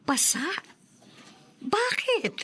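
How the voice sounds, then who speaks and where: A woman's voice: mid-range voice, big pitch swings, moderate pace, a bit bright, husky. An actress playing a bitter, grieving, plaintive older mother in old radio show acting. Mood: puzzled. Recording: noisy background ambience.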